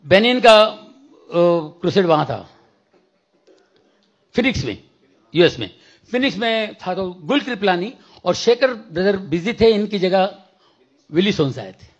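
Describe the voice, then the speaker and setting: Husky man telling a church testimony. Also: sits high, very animated, measured pace, long pauses, highs cut off. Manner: storytelling, acts out dialogue, bursts into shouting prayer; mixes in English phrases. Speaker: preacher giving a testimony. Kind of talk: sermon testimony.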